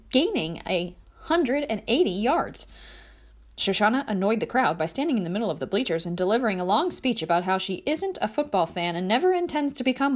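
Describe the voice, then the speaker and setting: A woman reading a novel aloud as first-person narration, in a lively, expressive storytelling manner. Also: medium pitch. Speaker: audiobook narrator.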